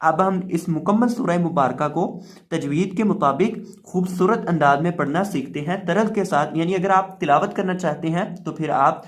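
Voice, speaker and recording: A man teaching Quran recitation rules. He explains patiently step by step, repeats his examples and slips into slow chanted recitation to demonstrate. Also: fairly high pitch. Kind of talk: tajweed lesson.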